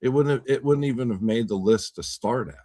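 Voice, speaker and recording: With a medium-pitched, dark voice, the podcast host talks fairly quickly through casual political chat. He rambles and repeats words, and he turns to swearing when riled. The sound has no echo.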